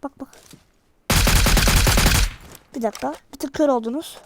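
A woman commentating her mobile shooter match, excitable and slangy, yelling at teammates. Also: sits high, unhurried, very noisy. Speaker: mobile game streamer. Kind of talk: live gameplay commentary.

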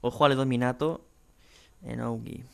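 A man's voice: mid-range voice, steady tone, a little slow, gravelly, a bit bright. Chatty Spanish gamer narrating his matches. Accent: Spain Spanish. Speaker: gaming channel host. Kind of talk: casual gameplay commentary.

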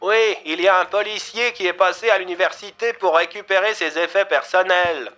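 A man's voice: sits high, normal speed, bright, forceful tone, pitched above the performer's own voice. A man voicing an adult woman from a university who answers a police call curtly and reproachfully.

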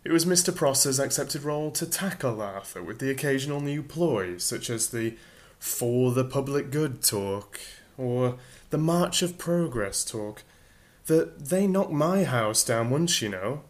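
A man narrating an audiobook in a calm, measured style for relaxation and sleep, with a dry, unhurried delivery. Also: medium pitch.

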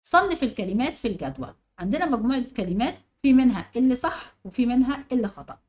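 A young Egyptian woman leads an online grammar lesson at a fast clip. Her voice sits a little high. She asks her pupils questions and answers them as she goes. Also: expressive, darkish tone. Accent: Egyptian Arabic. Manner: explains step by step, quizzing pupils. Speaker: teacher.

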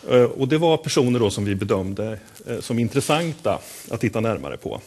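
Husky man explaining at a press conference. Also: mid-range voice, sing-song, darkish tone. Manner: halting, with frequent filler sounds and throat clearing. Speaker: board vice chair at a press conference.

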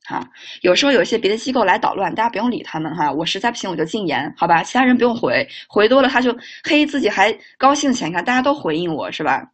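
A woman in the middle of a live online speaking lesson, sounding out short phrases slowly and deliberately for the class to repeat. Between drills she speeds up into brisk, chatty remarks and firmly reins in students who keep asking the same thing. Her voice sits at an ordinary middle pitch. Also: very animated. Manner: slow drilled model phrases, quick chatty asides; firm with students, mildly scolding. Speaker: English teacher.

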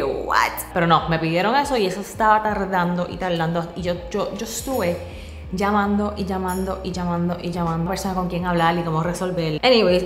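A woman in her thirties from Puerto Rico with a Puerto Rican accent, talking frankly and animatedly to camera in a casual vlog, mixing in English and swearing. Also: medium pitch. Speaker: vlogger. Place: open-plan office, indoors. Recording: roomy office echo, faint room noise.

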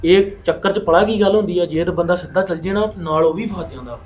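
A man's voice: high voice, fast, a little mellow, faint music behind, natural voice. A man playing a son-in-law in a family drama, insistent and reassuring, repeating himself as he talks. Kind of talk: Punjabi family web drama acting.

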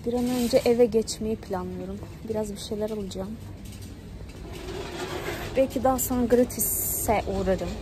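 A young adult woman casually narrating her shopping trip in a low-key way into a handheld phone. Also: unhurried, pauses often. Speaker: vlogger. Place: shops and streets at night. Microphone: phone held at arm's length. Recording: noisy handheld phone recording, shop and street ambience.

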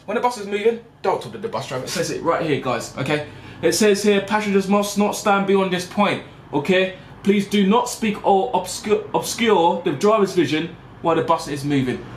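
High-voiced and lively in his intonation, a man in his 20s vlogs casually as a bus driver, explaining things to passengers. He pauses and repeats himself a lot, with plenty of check-in tags. He's inside a parked double-decker bus, filmed on a handheld camera at arm's length over background vehicle noise.

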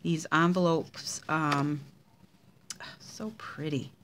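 A woman's voice: low-pitched, fairly even intonation, extremely slow, fairly bright tone, slight background noise. A woman casually showing handmade cards in a craft vlog, chatty and gushing over each one. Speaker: craft demonstrator showing card swaps.

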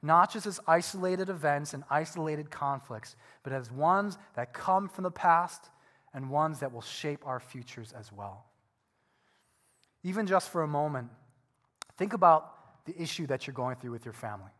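Middle-aged male pastor, fairly high voice, earnest sermon delivery, church hall reverb. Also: normal speed. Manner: earnest, swings between soft reflection and loud animated bursts. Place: church sanctuary.

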